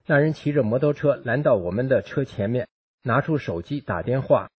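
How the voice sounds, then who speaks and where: Very husky man reading aloud. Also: mid-range voice, animated, normal speed, dry recording, dull audio. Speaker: reader of a personal testimony. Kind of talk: scripted first-person narration.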